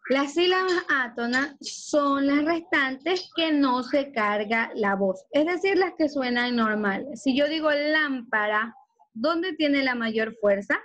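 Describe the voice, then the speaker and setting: A woman teacher from Ecuador giving an online class and explaining slowly with worked examples. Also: high-pitched, lively intonation, a bit bright, lo-fi sound. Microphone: video call.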